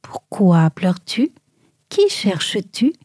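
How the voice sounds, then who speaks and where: A woman voicing a gentle man who speaks softly and in a hush. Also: high-pitched, lively intonation, measured pace, no room sound, studio quality. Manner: soft, hushed, gentle. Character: gentle man, calm and soft-spoken.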